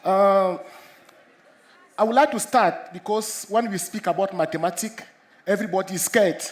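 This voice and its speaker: High-voiced man from Cameroon lecturing with a cold. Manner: earnest, repetitive, halting with many restarts. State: has a cold. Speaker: mathematics professor giving a talk. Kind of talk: public lecture to students.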